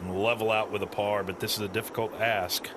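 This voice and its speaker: A man's voice: on the low side, flat delivery, a little fast. A man working as a golf commentator, giving live analysis of televised play. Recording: noisy outdoor broadcast sound.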